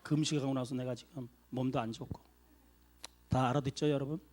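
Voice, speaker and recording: A man who is the pastor, preaching a sermon with animated swings between loud exhortation and soft asides. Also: mid-range voice, a little fast.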